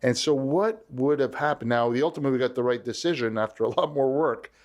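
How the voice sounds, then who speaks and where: A man as an interview guest, talking in a lively storytelling way and acting out the voices he quotes. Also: mid-range voice, a little fast. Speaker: leadership strategist guest. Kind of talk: conversational interview.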